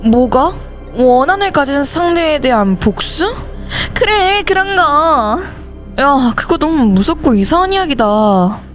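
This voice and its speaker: A woman's voice: sits high, sing-song, measured pace, faint music behind. A woman voicing every teenage schoolgirl character in a school horror story, switching between them in dialogue. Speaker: channel host and voice actor.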